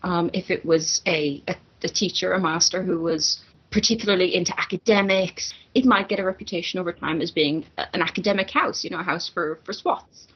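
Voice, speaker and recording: A woman's voice: fairly low pitch, brisk, few pauses, a bit bright, breathy edge. A woman in a casual barstool debate over drinks, arguing her points step by step, in a dull lo-fi recording. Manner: argumentative, builds points step by step.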